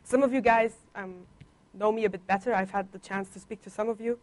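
This is a visiting church guest speaker on placement, a young German woman whose native languages are Italian and German. She tells her personal testimony a little fast in a medium, fairly even voice, joking and teasing conversationally despite a slight cough.

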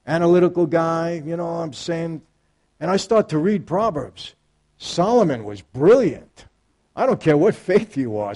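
A man giving a faith testimony, storytelling emphatically and speaking straight to his audience, swinging between hushed and loud. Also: fairly high pitch. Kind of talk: personal testimony talk.

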